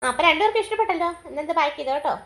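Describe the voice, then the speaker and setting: A middle-aged woman playing a mother in a family skit, brisk and scolding toward her kids. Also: high voice, lively intonation, heavy background noise.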